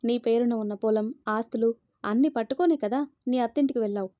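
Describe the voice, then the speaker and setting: A woman's voice: on the high side, a little fast, no echo, muffled recording, lightly acted. A woman voicing a stern middle-aged mother who harshly lectures her grown daughter. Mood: scolding.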